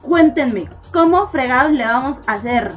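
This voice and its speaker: Mexican woman streamer, high bright voice, playful and chatty, soft music underneath. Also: normal speed. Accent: Mexican Spanish. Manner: chatty, giggly, animated, repeats words. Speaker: host of an online live show. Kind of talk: casual live chat with viewers.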